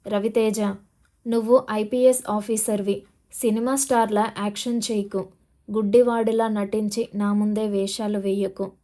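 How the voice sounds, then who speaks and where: A woman's voice: mid-range voice, little pitch movement, moderate pace, warm tone, lightly acted. A woman narrator voicing a menacing male gold smuggler boss, taunting and demanding, in an audio novel.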